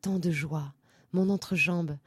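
A woman voicing a lusty male dancer in a storybook reading, in a hushed, low and breathy murmur. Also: fairly even intonation, unhurried, dry recording. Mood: hushed lustful.

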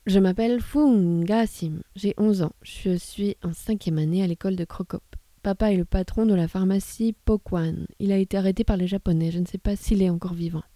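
A woman's voice: mid-range voice, steady tone, brisk, hardly any pauses, warm tone, dry recording, natural voice. A woman voicing an eleven-year-old boy, a pharmacist's son, in a storybook. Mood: earnest.

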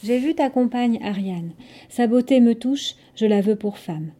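A woman's voice: on the high side, expressive, unhurried, dark tone. A woman voicing a menacing horned, bearded male god of wine in a told story, speaking in a commanding, threatening way.

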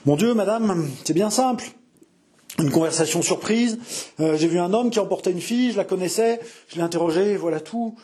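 A man voicing a gruff but shy old soldier of fortune who answers haltingly and evasively. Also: high voice, dark tone, pitched above the performer's own voice, natural voice. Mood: embarrassed.

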